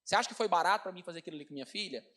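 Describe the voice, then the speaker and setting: A Brazilian-accented male pastor tells a sermon story at a rapid clip. His voice rides high and lively, and he keeps turning to the congregation to call them brothers. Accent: Brazilian Portuguese. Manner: animated, addresses congregation as brothers.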